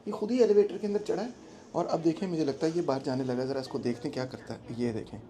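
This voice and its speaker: A man's voice: fairly high pitch, quick pace, very noisy. A man talking casually to his camera as he narrates a travel vlog and explains things to viewers. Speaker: vlogger and political commentator.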